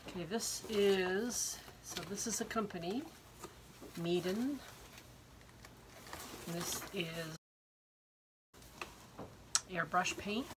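An older woman in her sixties, slightly hoarse from a cold, talks haltingly and casually through an unboxing, thinking aloud as she goes. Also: medium pitch. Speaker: art vlogger unboxing supplies. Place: indoor home art studio, wood-beamed. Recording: noisy room, clicks and rustling.

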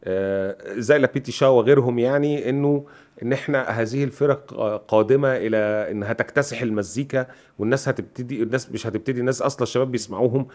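A man's voice: medium pitch, racing, a little mellow. A man with an Egyptian Arabic accent, co-hosting a podcast and retelling music history in casual chat, acting out quoted dialogue. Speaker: podcast co-host.

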